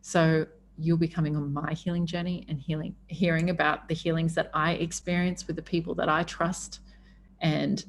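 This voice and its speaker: A woman's voice: low voice, flat delivery, moderate pace, a little hiss or hum. A woman hosting a podcast, speaking in a candid, effusive personal monologue with emphatic phrasing, stretching words for emphasis. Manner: effusive, emphatic, swearing freely. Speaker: podcast host.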